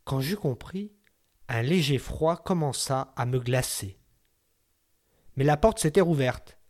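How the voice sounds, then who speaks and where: A man narrating a literary story aloud in a measured, even way. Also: mid-range voice. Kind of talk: audiobook reading of a literary story.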